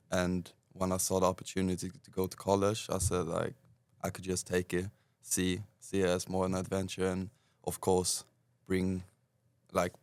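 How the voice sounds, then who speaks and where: A twenty-year-old Swedish man speaking English with a Swedish accent, answering interview questions in a relaxed, hesitant way. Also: low voice, clear, resonant tone, no echo. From Sweden. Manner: relaxed, hesitant phrasing with many fillers. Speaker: guest soccer player.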